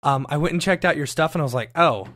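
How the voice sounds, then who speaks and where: A man hosts a casual podcast interview. His voice is a bit higher than most men's. He talks with eager energy and stumbles through fillers and restarts as he gets his questions out. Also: fast, a bit bright. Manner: enthusiastic, lots of fillers and restarts. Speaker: podcast host.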